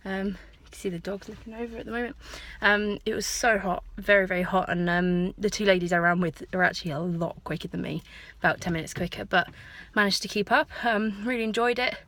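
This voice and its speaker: A woman's voice: mid-range voice, fairly even intonation, brisk, hardly any pauses, fairly bright tone, no echo. A woman chatting casually to camera as an amateur runner making a training vlog. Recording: faint background noise.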